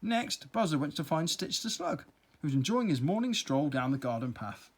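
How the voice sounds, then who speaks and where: Brief: children's story narrator, playful, very lively pitch, slightly husky. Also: normal speed. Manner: playful, expressive read-aloud.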